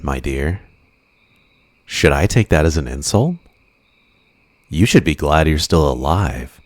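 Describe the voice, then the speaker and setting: A bass-voiced man voices a possessive, obsessive supervillain for ASMR roleplay, stretching out flirtatious endearments that are teasing yet softly menacing. The tone is smug and teasing, captured in a dry, studio-quality recording.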